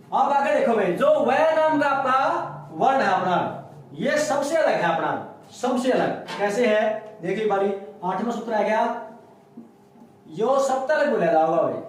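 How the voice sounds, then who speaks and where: Male teacher, very high voice, strongly echoing classroom, quizzes himself aloud. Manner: repeating sounds, asking and answering his own questions. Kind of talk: classroom lecture. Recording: very echoey room.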